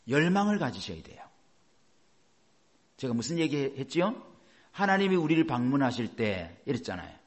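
Animated preaching man, lively pitch. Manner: asks the congregation questions and answers them, animated. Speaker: pastor. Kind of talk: sermon.

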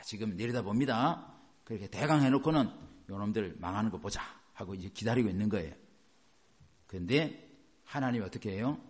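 A man preaching a sermon in an animated way, asking rhetorical questions and chuckling as he goes. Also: medium pitch. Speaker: pastor.

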